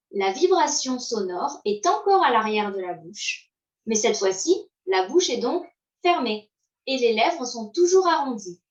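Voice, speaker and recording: A woman giving a slow pronunciation lesson, modeling sounds and pausing for learners to repeat. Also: fairly high pitch. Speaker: English pronunciation teacher. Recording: roomy, distant, dull sound.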